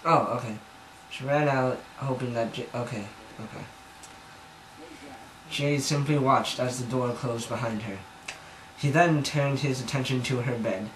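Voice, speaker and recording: A man's voice: medium pitch, measured pace. Rambling man reading fan fiction aloud. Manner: rambling and self-conscious, stumbles over words. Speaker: amateur reader. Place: bedroom at home. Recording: echoey room with background noise.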